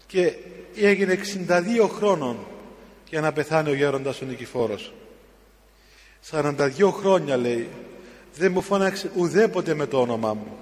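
Middle-aged priest preaching, slightly high voice, grave story pacing, big reverberant hall. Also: male voice. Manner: slow, grave storytelling with sudden emphatic rises. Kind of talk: sermon.

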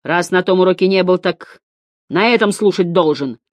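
A woman's voice: fairly low pitch, moderate pace, no room sound, lightly acted. A woman voicing a stern, furious male geography teacher in an audiobook.

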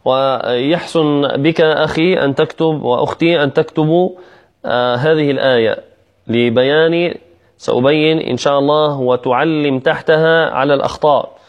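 Guy teaching quran recitation, kinda high voice, slow careful demos, muffled lo-fi sound. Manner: patient, slow demonstrations of words, then explanation. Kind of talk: recitation and tajweed lesson. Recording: dull lo-fi recording.

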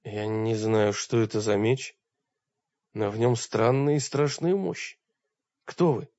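A man voicing a furious old wizard with a shouting, raging manner. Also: lowish voice, slow pace, no room sound, highs cut off. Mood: stunned. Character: furious old male wizard, fiery-tempered.

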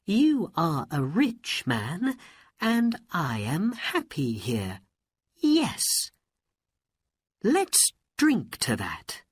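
A man's voice: fairly high pitch, wildly swooping pitch, drawn-out words, husky, no room sound, clean studio sound, voice pushed up, full character voice. A man voicing a clever young princess, raising his voice into a lilting, sweet tone.

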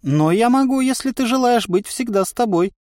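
A man's voice: very high-pitched, expressive, fairly quick, darkish tone, dry recording, clean studio sound, voice pushed up. A man voicing a talkative, ironic male inner voice with no body that reasons at length. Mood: wry. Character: chatty bodiless male inner voice, wry.

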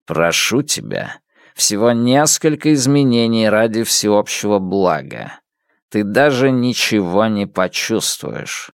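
A man's voice: lowish voice, slow pace, vocal fry, smooth, no echo, clean studio sound, full character voice. Man playing a cold metallic masked elder. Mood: coaxing. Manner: calm, coaxing and menacing. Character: cold masked male elder of a secretive collective.

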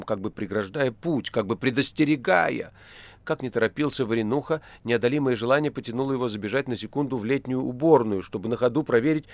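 A man narrating an audiobook in an expressive reading voice. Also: medium pitch, no room sound. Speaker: audiobook reader. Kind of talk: literary narration.

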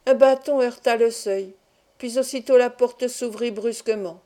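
A woman reading a classic novel aloud as an audiobook, in steady, measured storytelling. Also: fairly high pitch. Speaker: audiobook reader. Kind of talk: scripted narration of a novel.

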